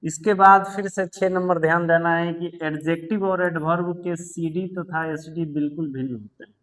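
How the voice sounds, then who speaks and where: A man teaching English grammar in a patient lesson, repeating words, spelling them out and telling students to pause and take notes. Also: fairly high pitch, steady tone, fairly bright tone, poor audio. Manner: tells students to pause the video and write notes. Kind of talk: slow explanatory grammar lesson.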